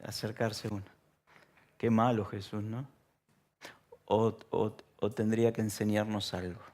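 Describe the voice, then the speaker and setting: A pastor with a Rioplatense Spanish accent talks casually during a church sermon, putting questions to the congregation and acting out shouted lines. His voice sits on the low side, level in tone and unhurried.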